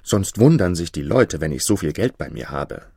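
A man voicing an eager young male apprentice thief in a storybook reading, talking in an excited, pleading way. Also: sits low, normal speed, breathy edge, no room sound, studio quality, exaggerated voice. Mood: sly.

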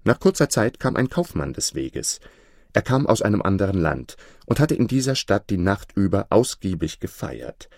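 A man calmly reading an old tale aloud as narrator, in a measured storytelling manner. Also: lowish voice, vocal fry, dry recording, clean studio sound.

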